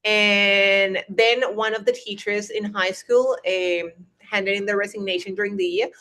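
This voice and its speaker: A young Colombian woman who teaches English talks about her career in a relaxed video-call interview. Her medium-pitched voice is sharp in tone, with fairly even intonation and an unhurried pace. She's chatty, often restarting sentences and filling gaps with "eh."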